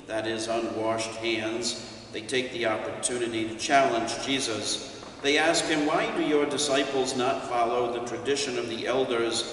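An older priest reads scripture and preaches at an unhurried, deliberate pace. His mid-pitched voice rings through a church with a long reverb and is picked up from some distance away. A faint hum of room ambience sits underneath. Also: fairly bright tone. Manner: slow, measured, deliberate reading. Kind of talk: reading scripture and preaching a homily. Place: church sanctuary in front of a stained-glass window. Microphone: distant camera mic.

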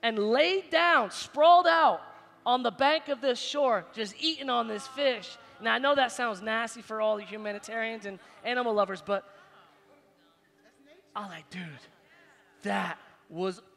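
A man in his forties preaching a sermon as pastor, animated, swinging between loud high bursts and quiet low asides. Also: unhurried, gravelly. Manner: animated, preaching with big swings in loudness and pitch. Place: large stage in a church hall. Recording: long hall reverb, faint music behind.

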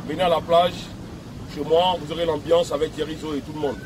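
A man's voice: on the high side, fairly even intonation, fairly quick, heavy background noise. A man giving an emphatic, repetitive video message outdoors at a beach. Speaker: music personality addressing fans.

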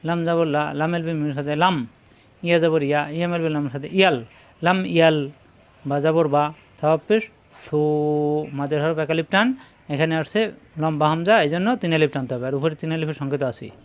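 A man teaching Quran reading, spelling each syllable aloud and then chanting the joined words in a slow, drawn-out tune. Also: on the high side, fairly even intonation, smooth. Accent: Bangladeshi Bengali. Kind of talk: slow letter-by-letter recitation lesson.

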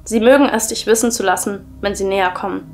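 A woman voicing a frightened young boy who speaks in a hushed, resigned way in a spooky story reading. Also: medium pitch, fast talker, lightly acted. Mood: fearful. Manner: hushed, fearful.

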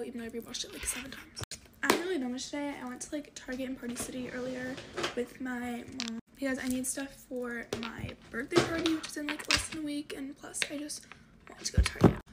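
A teenage girl vlogger does her makeup while chatting casually in a get-ready-with-me video, recorded on a phone held at arm's length in her bedroom. Her high-pitched voice comes out as a soft half-whisper peppered with "like," since she's losing it from coughing. Heavy background noise fills the recording.

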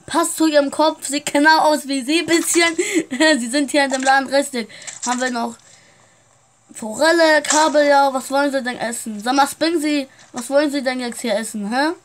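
A woman's voice: sits high, moderate pace, slight background noise. A woman playing a shopkeeper in a casual game roleplay, chatting straight to her viewers. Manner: chatty, keeps addressing viewers.

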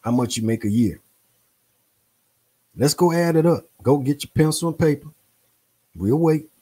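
A host reads from a book on his show, then breaks into preachy, playful commentary in informal slang, full of exclamations and repetitions. His voice is a little high, expressive and dark in tone, slightly rough, at normal speed.

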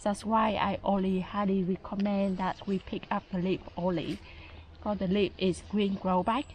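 A woman narrating a foraging vlog as a guide, speaking calmly in simple, non-native English. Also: mid-range voice, normal speed, slight background noise. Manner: calm, simple instructive phrasing.

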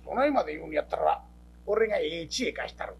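A man's voice: on the high side, expressive, fast, gravelly, a little hiss or hum, pitched below the performer's own voice. A man with a Kansai accent voicing a sardonic older male friend who snaps dry, scolding retorts.

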